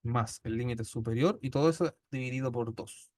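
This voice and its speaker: A man's voice: medium pitch, normal speed, darkish tone, dry recording. Man, Chilean accent, statistics teacher, patient, checks in often, dry sound. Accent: Chilean Spanish. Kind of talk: classroom lecture. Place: classroom.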